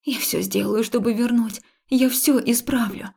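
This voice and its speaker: A desperate young heroine, read by a woman narrating a fantasy audiobook, pleading urgently. Her voice is raised higher and louder than the narration and carries a gravelly creak. Every line presses with emotion. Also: measured pace, heavily acted. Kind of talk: audiobook character voice.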